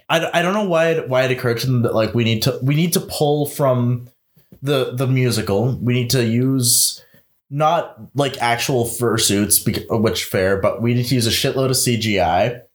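A man's voice: medium pitch, a little slow. Rambling, swearing young man. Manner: rambling, swearing, frequent laughter, many fillers. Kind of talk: casual chat, movie review.

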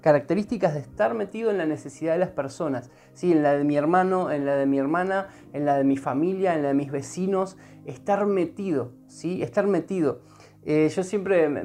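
A woman's voice: low voice, warm tone. A woman with an Argentine accent giving an earnest devotional sermon, repeating her phrases and often checking in with her listeners. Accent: Argentine Spanish. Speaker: preacher.

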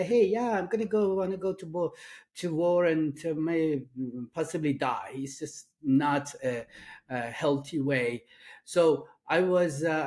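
A middle-aged man with an Iranian accent, a Persian speaker, answers questions as a guest in a casual interview, with a halting, earnest, soft-spoken delivery full of fillers and restarts. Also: on the high side. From Iran. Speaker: guest, addiction and trauma coach.

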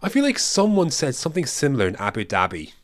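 Talking fast in a medium-pitched voice with no room sound, this young podcast co-host offers casual, opinionated takes on motorsport. He's animated, alternating between excited bursts and dry remarks.

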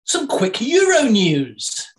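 A woman's voice: on the high side, huge pitch swings. Woman co-host reading wrestling match lists. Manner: reads match lists briskly with dry jokes. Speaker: podcast co-host. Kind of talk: casual news roundup.

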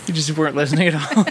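A man's voice: a little high, a little hiss or hum. Profane, ranting middle-aged man. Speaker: podcast co-host. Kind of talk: casual political chat.

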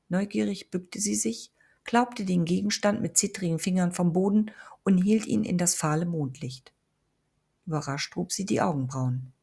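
A woman narrating an audiobook in a measured, dramatic reading style. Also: on the low side, gravelly, darkish tone, slightly rough.

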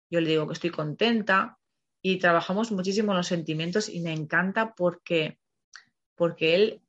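A woman's voice: deep voice, fairly bright tone. A woman with a Spain Spanish accent hosting a parenting program, talking in a chatty, rambling way and often tagging her sentences with a questioning "no?". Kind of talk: casual spoken monologue. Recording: slightly muffled recording.

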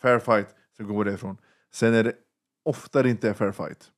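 Blunt, low-voiced Swedish man telling a story. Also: steady tone. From western Sweden. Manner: blunt, swears freely, acts out quoted voices. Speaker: interview guest. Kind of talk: casual storytelling.

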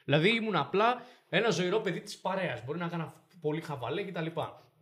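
A man's voice: sits high, a bit bright. A young man co-hosting a casual podcast, telling stories animatedly and acting out the people in them. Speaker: podcast co-host. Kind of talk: casual chat.

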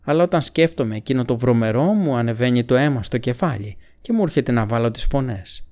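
A man's voice: medium pitch, lively intonation, a little mellow, close to an everyday voice. Sam, a man doing a plucky, earthy hobbit. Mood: indignant. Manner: earthy, indignant. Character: plucky male hobbit, hot-tempered and loyal.

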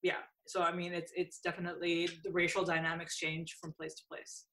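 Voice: mid-range voice, completely flat delivery, fairly quick, pushed and bright, slight background noise, poor audio. A host from India, chatting casually, hesitant with frequent restarts. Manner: hesitant, many restarts and fillers, laughs easily. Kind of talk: casual conversation.

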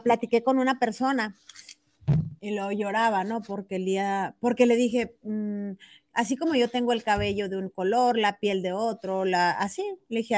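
A woman co-host chats casually and emotionally, often acting out what others said to her. Her voice sits somewhat high. The sound is close and dry, with no room behind it. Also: dry recording. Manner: emotional, animated retelling with quoted dialogue. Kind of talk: casual chat.

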